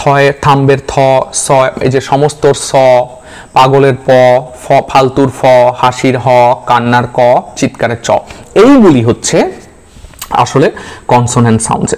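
A man, teaching a slide-based pronunciation lesson, patiently repeating example sounds one by one. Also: medium pitch.

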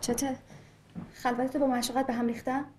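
An actress playing an anxious young nurse in a film scene, talking earnestly and insistently, at times defiant and scornful. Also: female voice, high-pitched, little pitch movement, background noise, close to an everyday voice. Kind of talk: film dialogue.

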